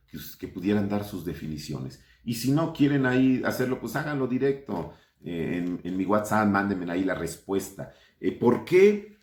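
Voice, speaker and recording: A man's voice: fairly low pitch, roomy sound. A man preaching an online Sunday sermon as pastor, putting questions to his congregation and calling them brothers.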